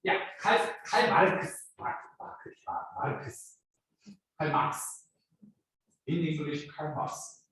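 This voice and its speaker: Talking very fast yet pausing often, a South Korean business professor with a Korean accent lectures his class, pressing students with rhetorical questions. His voice is a little high, expressive and a bit bright. The recording picks him up from far off in an echoey classroom.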